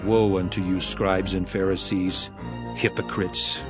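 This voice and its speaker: An actor playing Jesus as a stern, righteous preacher rebuking hypocrites in declamatory, archaic scriptural drama. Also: male voice, deep voice, level tone. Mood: stern rebuke. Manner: declamatory, deliberate archaic oratory. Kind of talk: dramatized King James scripture performance. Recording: music under the voice. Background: music.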